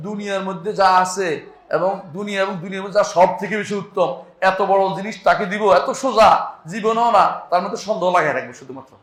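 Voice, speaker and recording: A man's voice: high-pitched, fairly bright tone, roomy sound. A male preacher giving a conversational sermon, often asking his listeners rhetorical questions. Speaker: Islamic preacher.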